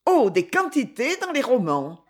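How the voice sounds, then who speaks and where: A reader voicing a proud young Swiss woman with quick, indignant retorts, in a husky voice. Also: mid-range voice, wildly swooping pitch, voice pushed up. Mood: lively. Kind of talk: audiobook character voice.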